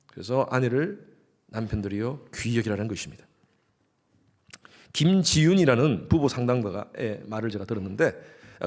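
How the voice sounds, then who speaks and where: A man in his sixties preaching a sermon in church, lively and acting out quarreling couples. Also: medium pitch. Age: 60s. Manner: lively, acts out quarreling couples in quoted lines. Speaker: pastor.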